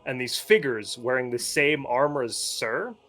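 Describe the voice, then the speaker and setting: A man's voice: mid-range voice, animated, normal speed, a bit bright. A man playing a tabletop game, animatedly explaining his character's abilities. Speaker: player. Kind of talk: tabletop role-play.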